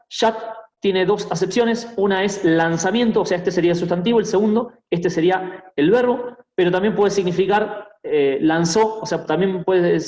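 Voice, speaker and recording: A man's voice: fairly high pitch, a little mellow, echoey room, lo-fi sound. A man teaching a basketball coaching clinic in a hesitant lecture style, full of fillers and restarts, often checking in with "¿no?". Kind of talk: online lecture with screen sharing.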